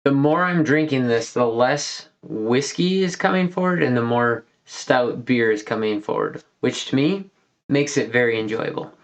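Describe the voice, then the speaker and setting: A man's voice: medium pitch, moderate pace. A man hosting a casual whiskey review, talking in a loose, folksy, rambling way. He sounds a little tipsy, and he is short of breath from a lingering cold. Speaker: whiskey reviewer, channel host. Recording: dull lo-fi recording.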